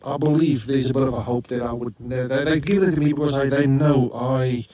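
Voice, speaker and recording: Speaking fairly quickly, this vlogger has a medium-pitched, steady, mellow voice. He's a South African man filming a rambling home vlog on a rural homestead, frequently saying um and correcting himself as he goes.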